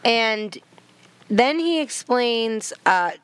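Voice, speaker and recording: A woman's voice: fairly high pitch, animated, extremely slow, a bit bright, clean tone. A woman co-hosting a podcast, retelling scenes in casual chat, swearing freely and acting out the characters' lines. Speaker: podcast co-host.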